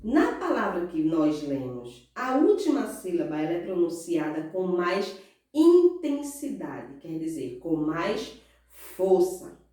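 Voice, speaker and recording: A Brazilian woman teacher gives a recorded lesson in a very echoey room, heard from some way off the microphone. She speaks at a slow, patient pace in a mid-range voice, drawing out key words and asking the children questions before answering them herself. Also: fairly low pitch, big pitch swings, warm tone. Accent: Brazilian Portuguese. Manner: slow, patient, drawn-out word stresses; asks pupils questions and answers in their voice. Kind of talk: recorded remote class lesson. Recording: roomy echo, far from mic.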